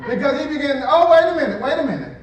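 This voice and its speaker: A man's voice: extremely high pitch, animated, quick pace, highs cut off, slight background noise. A man preaching a sermon as pastor, conversational, acting out quotes and chuckling as he goes. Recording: echoey church hall from a distant mic.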